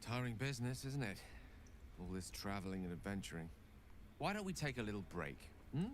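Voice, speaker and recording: A man's voice: on the low side, sing-song, a little fast, slight background noise. A man playing a courteous, wordy and slightly showy wizard companion in a video game. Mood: courteous, earnest. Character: genteel, chatty wizard companion, showy and flattering.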